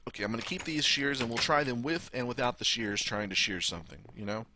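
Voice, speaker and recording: A man's voice: medium pitch, fast, noisy background. A man with a Southern US accent giving casual, rambling gameplay commentary, thinking aloud and swearing freely. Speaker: gaming video host.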